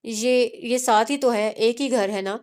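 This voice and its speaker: A woman voicing a meek widowed aunt in a story, speaking softly and hesitantly. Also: on the high side, lightly acted. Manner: soft, hesitant.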